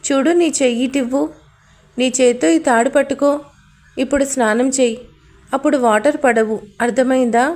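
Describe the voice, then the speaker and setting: A hurt young fiancée in a storybook romance, sharp and accusing, her voice high, read out by a woman narrator. Her words come in quick, cutting bursts. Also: steady tone, close to an everyday voice.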